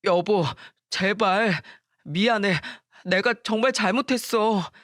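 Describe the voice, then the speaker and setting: A woman's voice: medium pitch, slow, fairly bright tone. Woman reading a whiny deadbeat husband in a story radio, always making excuses. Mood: pleading. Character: feckless pleading adult husband, defensive.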